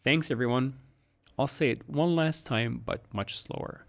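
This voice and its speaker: A man teaching English pronunciation who says he is sick, with a rough, gravelly voice, reading model sentences aloud slowly and clearly. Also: medium pitch, expressive. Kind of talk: online pronunciation lesson.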